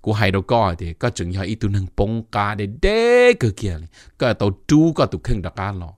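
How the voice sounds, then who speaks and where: A middle-aged man hosting a casual informational talk, animated and mixing in English terms. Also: on the low side, brisk, no echo, clean studio sound. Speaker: host giving advice.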